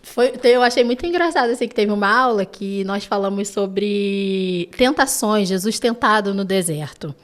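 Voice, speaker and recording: A woman with a Brazilian Portuguese accent, a children's ministry teacher, chatting on a podcast and telling lively stories with lots of "né" and "sabe". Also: mid-range voice, normal speed, few pauses. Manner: animated storytelling, frequent "né" and "sabe". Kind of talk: casual podcast chat.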